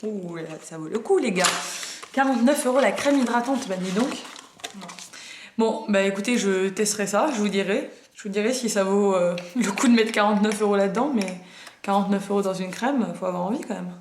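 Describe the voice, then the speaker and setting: A woman's voice: mid-range voice, a little fast, darkish tone, roomy sound, slight background noise. A woman in her twenties chatting casually through a beauty box unboxing, hesitant with frequent fillers and self-mocking jokes. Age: 20s. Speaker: beauty vlogger.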